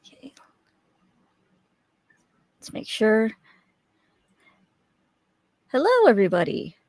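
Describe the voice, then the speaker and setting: A woman's voice: a little high, wildly swooping pitch, slow, a little mellow, no echo, clean studio sound. A young woman hosting a live webinar, chatting casually on a USB desk mic with lots of fillers and restarts while waiting for viewers to arrive. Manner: chatty, friendly, filler-heavy with frequent restarts. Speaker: webinar host. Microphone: USB desk microphone.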